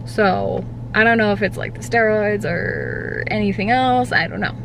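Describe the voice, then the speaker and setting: Recovering from wisdom teeth removal with slightly puffy cheeks, a vlogger in her twenties chats to camera from a parked car. She speaks at medium pitch in a halting, filler-laden way that often trails off. A camera or phone on the dashboard at arm's length catches her along with clear car-interior hum.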